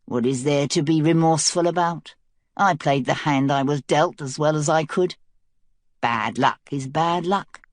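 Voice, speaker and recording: A woman reads a cynical caged man, low voice, slow mocking drawl, each jab pushed in lazily. he's dry and close in the audiobook, no room around him. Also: no echo. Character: cynical scheming male prisoner, sly.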